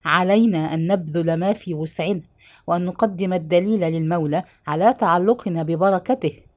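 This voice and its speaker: A woman voicing a stern, determined old man who speaks gravely in a measured way in a read-aloud story. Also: fairly low pitch, darkish tone, lightly acted.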